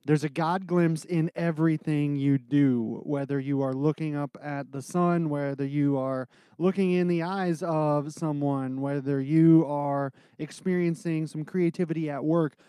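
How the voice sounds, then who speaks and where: Male podcast co-host and pastor, nasal tone, smooth and mellow, dry close sound. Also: unhurried, hardly any pauses, no echo. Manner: animated, swings his pitch up and down. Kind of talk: casual podcast chat.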